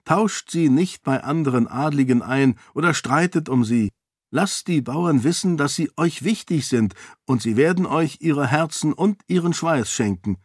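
A man's voice: a little high, expressive, measured pace, breathy edge, no room sound, clean studio sound, voice pushed up. A man voicing a resolute young princess who argues firmly and urgently with a council of lords. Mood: firm persuasive. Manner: firm, persuasive, urgent.

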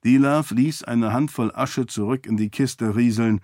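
A man narrates a fantasy novel in an even, measured way, his voice at a middle pitch. The sound is dry and close, with no room around it. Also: no room sound. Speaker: audiobook narrator.

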